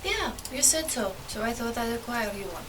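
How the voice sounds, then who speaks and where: A woman's voice: fairly high pitch, big pitch swings, normal speed, background noise. A woman playing a tabletop game, talking in character in a friendly, chatty way. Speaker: player. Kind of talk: in-character tabletop role-play. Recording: distant mic with background music.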